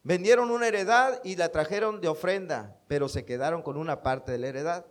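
A man's voice: fairly high pitch, a little fast. A man with a Mexican accent preaching a sermon, emphatic and quoting scripture. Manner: emphatic, quotes scripture, acts out quoted speech.

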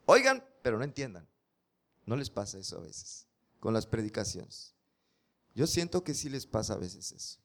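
A male preacher, reading scripture slowly and emphatically and putting rhetorical questions to his congregation. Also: fairly low pitch, very animated, fairly bright tone.

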